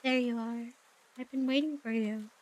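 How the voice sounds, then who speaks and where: A woman voicing a tall, composed female witch who speaks in a cool, measured, formal way. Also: on the high side, dry recording, close to an everyday voice. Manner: calm, measured, formal phrasing.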